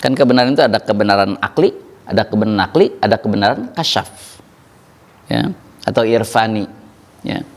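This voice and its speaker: A man's voice: fairly quick, pauses often. A man preaching an evening religious lecture, telling a story and acting out its characters in a raised voice. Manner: animated storytelling, voicing characters in a raised pitch, chuckling asides.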